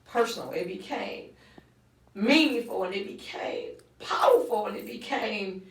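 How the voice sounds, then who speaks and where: A woman guest in an interview, telling her story in animated fashion and acting out quotes. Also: mid-range voice, measured pace, recorded from a distance. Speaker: guest author. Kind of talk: conversational interview. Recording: roomy, from off-mic.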